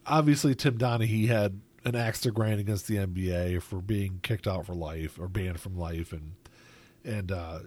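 A man's voice: low voice, moderate pace, darkish tone. A man hosting a casual chat, rambling with lots of filler words.

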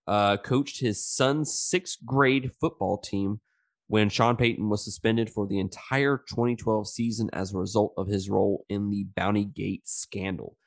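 A man with a lowish voice that sounds stuffed up, as if pinching his nose and talking through his mouth. He hosts a casual movie review podcast with loose slang and swearing. The recording is close and dry. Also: dry recording. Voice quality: congested nasal, pinched-nose sound from blocked sinuses. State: stuffed up with a sinus infection. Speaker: podcast host.

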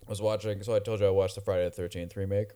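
A man's voice: on the low side, little pitch movement, very fast, warm tone, smooth. A man chatting casually, telling stories animatedly with lots of filler words. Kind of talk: casual chat.

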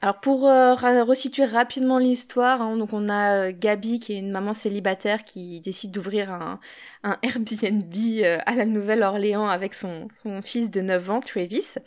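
A woman's voice: mid-range voice, steady tone, normal speed, a little mellow. A woman hosting a podcast, talking casually and chattily with frequent fillers. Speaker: podcast host.

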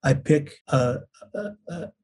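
A man's voice: fairly high pitch, animated, takes it slowly, dark tone, breathy edge. A man telling his own story in an earnest, intense way as an interview guest. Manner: earnest and intense, acts out quoted voices. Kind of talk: personal storytelling.

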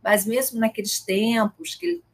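A middle-aged woman tells stories in casual conversation. Her voice is husky with a slightly breathy edge. She is animated and acts out the people she quotes. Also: on the high side, moderate pace. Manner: animated, retells scenes with quoted dialogue. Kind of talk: conversational storytelling.

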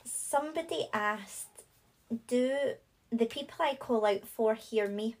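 A woman's voice: fairly high pitch, takes it slowly, poor audio. Friendly woman podcast host. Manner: friendly, with many short back-channel replies. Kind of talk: casual podcast interview.

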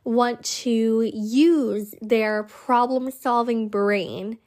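A woman hosting a solo self-help podcast in a measured, emphatic way, her voice nasal and slightly congested from a cold. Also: on the high side, darkish tone. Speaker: podcast host.

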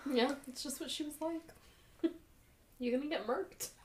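A woman's voice: high-pitched, a little slow, a little hiss or hum. A woman co-hosting a podcast in casual chat, giggly and often laughing as she talks. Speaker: podcast co-host. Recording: echoey room, group chatter behind.

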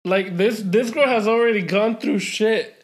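Young male podcast co-host, fairly high voice, casual, slangy and profane. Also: moderate pace. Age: young adult. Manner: profane, informal slangy talk. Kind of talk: casual chat among friends.

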